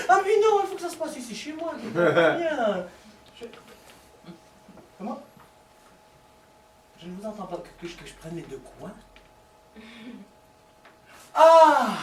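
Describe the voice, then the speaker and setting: A man's voice: very high-pitched, slight background noise. A man playing a stammering, lovesick suitor on the phone. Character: lovesick man pleading with his lover by phone. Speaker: stage actor. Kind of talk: live theatre comedy. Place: small theatre stage. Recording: echoey stage recording from far off.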